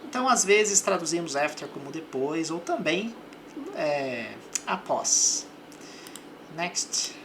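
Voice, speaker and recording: A woman's voice: deep voice, very animated, takes it slowly, noisy background. A woman gives a patient vocabulary lesson, repeating each word and example. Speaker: English teacher. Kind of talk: slow, methodical vocabulary lesson.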